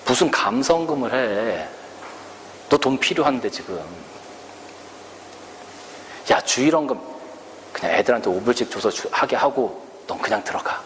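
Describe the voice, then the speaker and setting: A man's voice: medium pitch, expressive, moderate pace, long pauses, fairly bright tone, a little hiss or hum, natural voice. A man voicing a sly, coaxing Satan. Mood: wheedling. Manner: coaxing, whispery persuasion. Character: sly wheedling male Satan, tempter. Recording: echoey church hall, faint ambience.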